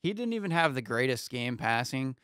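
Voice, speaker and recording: The sound is dry, with no room sound, as a young sports talk show co-host delivers scores in a steady, easygoing rundown during casual sports chat. His voice is smooth, resonant, medium-pitched, and brisk. He works close to an arm-mounted studio mic, with headphones, in a small studio with foam panels.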